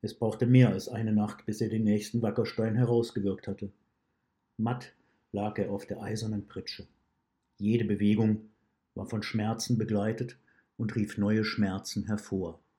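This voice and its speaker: A man reading a story aloud in a measured, calm narrating voice. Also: lowish voice.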